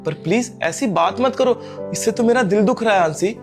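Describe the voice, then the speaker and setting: A man's voice: sits high, normal speed, music in the background. A man playing a poor young servant who earnestly pleads with his girlfriend not to leave him. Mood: pleading. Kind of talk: scripted skit acting.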